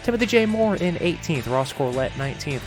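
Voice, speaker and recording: A man calls a live-streamed sim race, excitable and prone to stumbling over his words. He is still coughing from a cold. Faint music plays behind him. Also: fairly high pitch, brisk. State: coughing a lot. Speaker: sim racing commentator.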